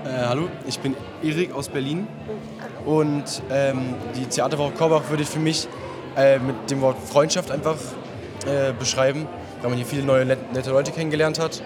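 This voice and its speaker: A man's voice: mid-range voice, steady tone, moderate pace, over music. A young man answering interview questions hesitantly, with many fillers. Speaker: festival participant.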